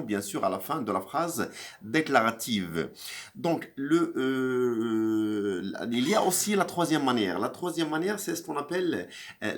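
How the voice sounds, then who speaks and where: A male teacher giving a recorded video grammar lesson, hesitant with many fillers and restarts, lifting his voice on the example questions. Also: medium pitch. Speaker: French teacher.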